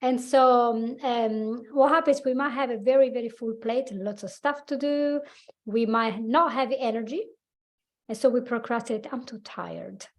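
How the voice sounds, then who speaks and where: Guesting on a podcast for a casual chat, a coach from Italy in her forties speaks animatedly in slightly broken, Italian-accented English and laughs a lot. She talks at a moderate pace in a higher-pitched voice.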